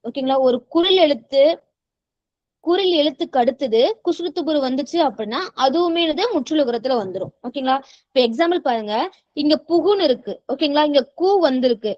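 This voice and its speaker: A woman with a high-pitched voice teaches grammar in a steady classroom manner. She keeps checking in with her students as she explains. The recording is dry and a little dull, as if made close to the mic in a small quiet room. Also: dry recording. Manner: checks in constantly with "okay-ngala?", mixes in English words. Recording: dull, slightly muffled sound.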